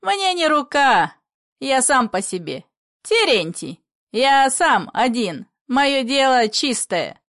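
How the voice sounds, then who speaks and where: A woman's voice: sits high, sing-song, slow, a bit bright, no room sound, clean studio sound, pitched above the performer's own voice, exaggerated voice. A woman voicing a meek, simple old man who speaks mildly, in a play reading. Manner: mild, pleading, simple.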